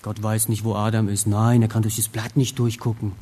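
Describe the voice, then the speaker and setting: A man preaching a sermon, retelling a scripture scene expressively and swinging between hushed reflection and emphatic lines. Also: on the low side, little pitch movement, brisk, breathy edge.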